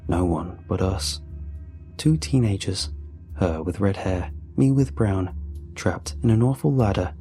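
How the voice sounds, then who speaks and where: A man reading a scripted horror story aloud in a slow, hushed and deliberate manner. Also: sits low, expressive, soft background music. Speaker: narrator.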